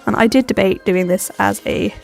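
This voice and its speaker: A young woman with a stuffy cold rambles and chats, saying um a lot, while decorating her planner for a plan-with-me vlog. Her mid-range voice is creaky and moderately paced, with soft music in the background.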